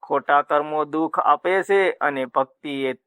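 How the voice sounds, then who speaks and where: A man voicing Krishna, calm and wise. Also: on the high side, a little slow, clean tone, no echo. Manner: calm, gentle, instructive.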